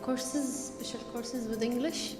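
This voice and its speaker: A woman's voice: a little high, steady tone. A woman in her twenties, a student, introducing herself carefully. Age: 20s. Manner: careful, slow self-introduction. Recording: echoey, music behind.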